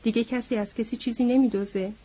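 Storybook figure: woman playing a grim, gentle protective man, soft and husky, dull lo-fi. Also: fairly high pitch, fairly even intonation, close to an everyday voice. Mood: tender. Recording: dull lo-fi recording.

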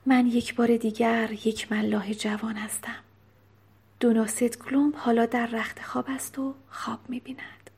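Woman narrator voicing a bold young noblewoman, brisk, commanding, bright-ish voice, storybook. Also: fairly high pitch, little pitch movement, vocal fry, husky, full character voice. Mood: hushed. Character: bold young noblewoman dressed as a sailor boy.

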